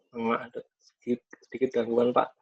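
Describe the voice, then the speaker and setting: A man's voice: medium pitch, breathy edge, no echo. A man on a video call, explaining hesitantly with many fillers while his audio breaks up on a choppy connection. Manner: halting, searches for words with fillers. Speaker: course participant. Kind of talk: explaining in an online class. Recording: dull lo-fi, dry, breaking up.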